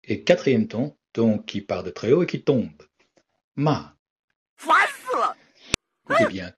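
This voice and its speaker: A man, a language teacher, narrating a scripted explanation in a measured, wry way. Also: on the low side, slight background noise. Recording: dull lo-fi recording.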